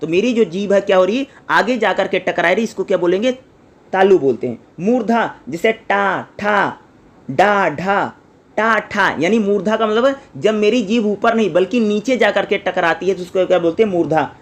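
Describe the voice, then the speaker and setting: High-voiced man teaching an exam lesson. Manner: repeats questions to the listener and answers them himself; sounds out syllables slowly one by one. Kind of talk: exam-prep lecture.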